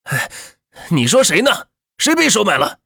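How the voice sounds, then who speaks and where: A man voicing an arrogant, hot-tempered young heir to a fortune who shouts scornful insults in an audiobook. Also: sits high, wildly swooping pitch, normal speed, gravelly, slightly rough, no echo, studio quality, pitched above the performer's own voice, heavily acted. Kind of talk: audiobook character voice.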